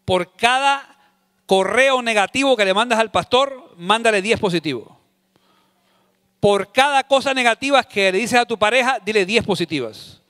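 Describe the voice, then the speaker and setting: A man preaching a sermon in a high, bright voice, with dry sound close to the mic. He drives his points home by repeating phrases. He swings between loud and soft to act out everyday scenes. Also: animated, moderate pace, no room sound. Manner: emphatic, repeats key phrases. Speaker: pastor.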